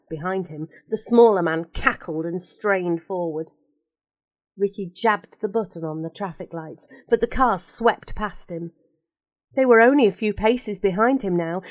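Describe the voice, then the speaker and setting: Woman narrator, storybook reading, expressive, mid-range voice, dry close sound. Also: mid-range voice, dry recording.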